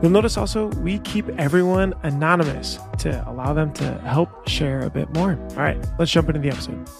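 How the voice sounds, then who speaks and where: A man hosting a podcast, introducing the show and asking curious, quick follow-up questions. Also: on the high side, gravelly, over music. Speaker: podcast host. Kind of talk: casual interview hosting.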